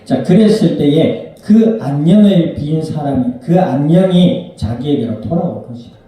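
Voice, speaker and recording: A man's voice: fairly high pitch, lively intonation, normal speed, warm tone. A man preaching a sermon as pastor. He talks to the congregation in a conversational way, asks them questions and acts out little scenes. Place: church sanctuary. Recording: very echoey church hall, mic at a distance.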